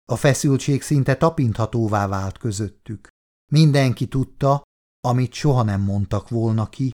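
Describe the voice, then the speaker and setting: A man's voice: mid-range voice, darkish tone. Man narrating an audiobook.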